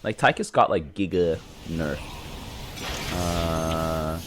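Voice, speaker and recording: A man with a stuffy nose giving casual, rambling gameplay commentary, chatting with his viewers and breaking into surprised excitement. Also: deep voice, slow pace. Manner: laid-back, rambling, chatty with viewers as "boys". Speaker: gaming YouTuber. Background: game music and sound effects.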